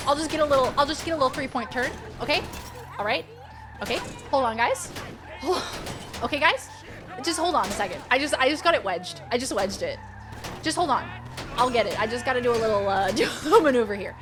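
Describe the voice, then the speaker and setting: A woman livestreaming a video game, chatting casually with playful, expressive, giggly commentary. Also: high voice, quick pace, over music.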